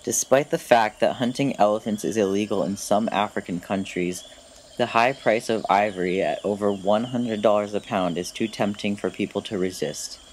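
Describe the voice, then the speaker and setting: A man's voice: fairly low pitch, moderate pace, a little hiss or hum. A man reads scripted documentary narration.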